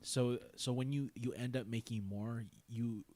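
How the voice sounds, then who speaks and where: Easygoing young man with stammering repeats. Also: mid-range voice. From San Diego, United States. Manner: relaxed, halting speech with repeated words. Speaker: host. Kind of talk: casual chat on a live stream.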